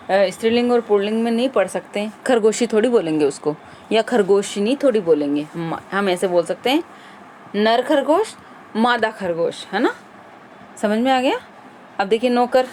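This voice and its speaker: A woman's voice: on the high side, a little mellow, slight background noise. A woman teacher running an exam-prep grammar lesson, quizzing viewers and repeating the answers.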